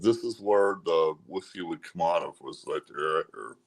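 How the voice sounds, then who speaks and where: A man's voice: sits low, normal speed. A man talking casually as a collector among fellow hobbyists. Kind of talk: casual chat.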